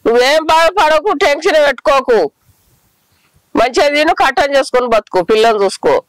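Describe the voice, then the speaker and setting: A woman playing an older village mother who consoles her married daughter with slow, repetitive reassurance, in a Telangana Telugu accent. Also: high-pitched, animated, no echo, poor audio. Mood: soothing. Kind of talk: village short film drama.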